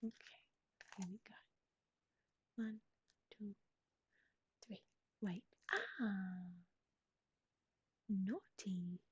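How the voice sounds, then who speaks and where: A woman whispering recipes in a soft ASMR style, close to the mic, with gentle asides to a pet. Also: medium pitch, steady tone, slow pace, pauses often, slightly rough, lo-fi sound. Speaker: ASMR streamer.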